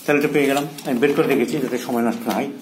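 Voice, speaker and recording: A man's voice: medium pitch, fairly even intonation, very fast. A man who is a doctor gives a clinical teaching demonstration in his consulting room. He explains as he goes, thinks aloud and keeps repeating the key terms. His voice sits in the middle range, with a faint hiss behind it. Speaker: doctor teaching case taking.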